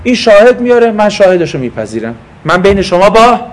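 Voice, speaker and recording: A man's voice: high voice, sing-song. A man giving a classroom lecture on scripture, patiently explaining terms and asking and answering his own questions while talking to students. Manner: talks to students present. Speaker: religious teacher.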